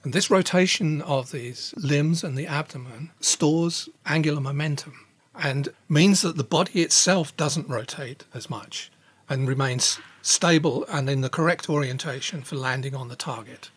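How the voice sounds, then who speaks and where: A man giving measured expert explanations as an interviewed scientist. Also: fairly high pitch, slightly rough.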